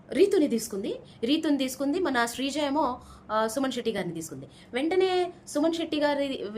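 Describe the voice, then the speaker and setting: A woman talks through last night's episode in a loose, chatty way, bringing each moment back to life as she goes. Her voice sits a little high. A faint low rumble hangs behind her. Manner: chatty, animated retelling with acted quotes. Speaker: reality show reviewer. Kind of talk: casual recap commentary.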